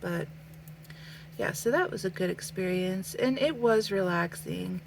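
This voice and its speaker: Her lowish, gravelly voice carries a stuffy-nosed sniffle as this young adult woman talks casually while she draws for her vlog. She speaks slowly and thoughtfully, leaning on lots of fillers, over a faint hiss or hum.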